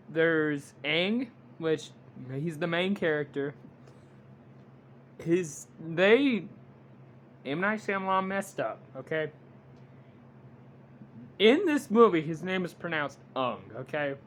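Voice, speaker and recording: A man giving an unscripted movie review rant, halting and blunt, with frequent restarts. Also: on the high side, expressive, fairly bright tone, slight background noise.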